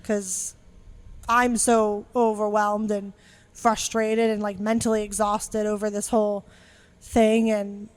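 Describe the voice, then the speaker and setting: A woman's voice: mid-range voice, little pitch movement, slow, clean tone. A young woman co-hosting a casual podcast, venting in a frustrated, rambling way, swearing freely and circling back with restarts. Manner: many fillers and restarts. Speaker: podcast co-host.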